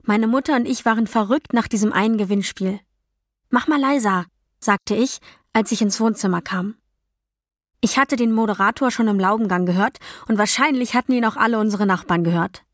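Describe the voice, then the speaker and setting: Woman, audiobook narration, calm even storytelling, dry studio booth. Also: medium pitch, fairly quick, dry recording. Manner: calm, even storytelling with quiet dialogue voices. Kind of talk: first-person audiobook reading. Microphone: close studio mic.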